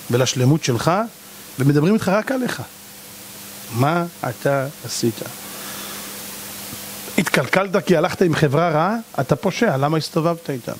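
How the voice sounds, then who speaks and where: A man's voice: high voice, a little hiss or hum. A man giving a rabbi's sermon, scolding and mocking his listeners with a stream of blunt rhetorical questions. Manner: animated, hammering rhetorical questions. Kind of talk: sermon to a live audience.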